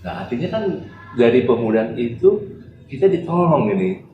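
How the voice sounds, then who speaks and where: A man's voice: medium pitch, big pitch swings, normal speed, echoey room, dull audio, a little hiss or hum. A man hosting a talk show, affirming his guests with frequent short agreements and drawing out lessons. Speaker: host.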